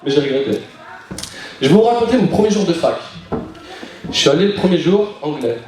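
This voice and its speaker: A young man from France performing stand-up comedy, chatty and animated, now and then putting on character voices. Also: a little high, a little fast. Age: young adult. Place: live comedy venue, audience. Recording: echoey hall, far mic, crowd laughing.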